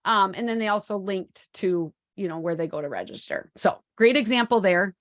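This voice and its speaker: A woman's voice: medium pitch, expressive, normal speed, dry recording, studio quality. A woman in her forties presenting a live webinar in an upbeat, chatty way, with plenty of ums, speaking into a computer microphone. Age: 40s. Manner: upbeat, chatty, many fillers.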